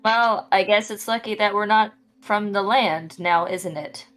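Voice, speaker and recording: A woman's voice: mid-range voice, measured pace, fairly bright tone. A woman playing in a tabletop game, arguing points in a dry way. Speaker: player.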